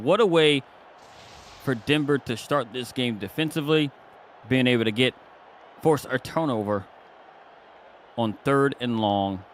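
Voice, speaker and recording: A man's voice: medium pitch, slight background noise. Playful, chatty man doing color commentary. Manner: chatty, playful, animated, repeats words. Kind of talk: sports commentary.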